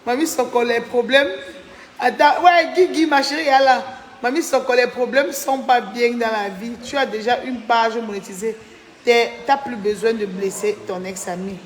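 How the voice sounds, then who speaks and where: A woman's voice: fairly high pitch, moderate pace, roomy sound, big-room sound, slight background noise. A tired woman chatting on a live stream, thanking viewers by name and venting about a falling-out. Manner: chatty, reads out viewer names, indignant. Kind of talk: casual live-stream chat.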